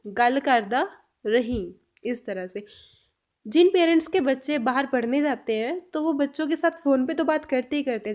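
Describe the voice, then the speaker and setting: Woman, high voice, language lesson, slow careful repetition of each phrase. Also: a little mellow. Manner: repeats each example sentence slowly, then explains it. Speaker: language teacher.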